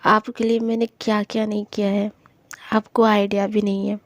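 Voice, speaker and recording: A woman's voice: sits high, fairly even intonation, measured pace, mellow, dry recording, pitched above the performer's own voice. A woman voicing a young woman in love who apologizes, coaxes and pleads with her upset girlfriend in a storytelling reading. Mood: soft whisper.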